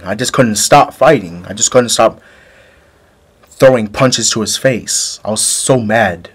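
A man playing a male killer who confesses a brutal fight in a halting, rambling way, in an amateur home-video drama. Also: on the low side, slightly rough. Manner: halting, rambling storytelling with restarts.

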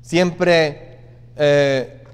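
Male priest, higher voice, unhurried homily delivery with chatty asides; reverberant church sound. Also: fairly even intonation, clean tone. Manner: conversational preaching with frequent "¿ah?" asides and acted quotes. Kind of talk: sermon.

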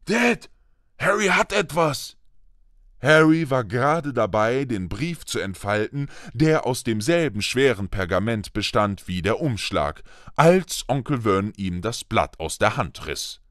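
Slow, lively male audiobook narrator. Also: fairly low pitch, dry recording, clean studio sound. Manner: slow, expressive storytelling delivery.

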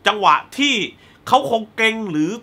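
A man's voice: high-pitched, expressive, normal speed, very noisy. A man giving a casual spoiler review of a film, blunt and heated, swearing freely and then apologizing, and acting out bits of dialogue as he retells scenes. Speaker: movie reviewer.

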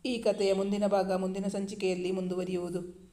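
A storyteller reading a romance novel in an even, measured narration. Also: medium pitch, roomy sound.

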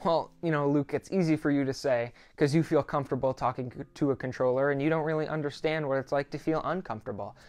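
This time the teenage host's voice sits fairly high with a darkish tone, and he speaks fast with few breaks. Still in his quiet little home office, the sixteen-year-old student pilot keeps his explanations friendly and reassuring for the camera.

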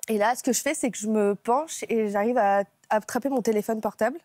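On a television studio set, a talk-show guest emotionally retells a personal ordeal, her warm, mellow voice sitting on the high side. She halts often, breaking off and starting again while hunting for words. A lapel mic captures her close and dry, with no room sound.

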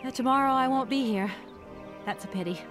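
Brief: woman as an ambitious young female lawyer in a video game, courteous, calm, with music underneath. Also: high voice, brisk, lightly acted. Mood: polite. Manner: polite, courteous. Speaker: game character.

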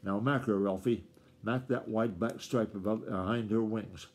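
A man reading a storybook aloud, voicing an excitable old farmer grandfather who talks in a rustic old-time country dialect and snaps and scolds. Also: on the low side, a little slow. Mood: eager. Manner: snappish, scolding.

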